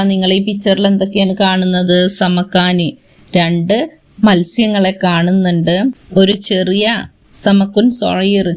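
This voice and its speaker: A woman teaching an online class, slowly explaining a story line by line and mixing in English words. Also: medium pitch.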